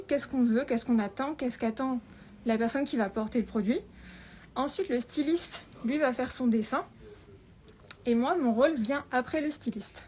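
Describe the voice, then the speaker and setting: A woman presenting an informal tutorial through a face mask, speaking carefully and deliberately with frequent pauses and a slightly muffled sound. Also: a little high, a little mellow. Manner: careful, deliberate, often pausing. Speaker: patternmaker presenting a lesson. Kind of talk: spoken tutorial with informal explanations. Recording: clear background room noise.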